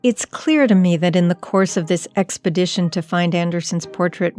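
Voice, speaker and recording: A woman hosting a documentary podcast, narrating in a measured, reflective storytelling manner. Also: on the low side, darkish tone. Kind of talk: scripted narration.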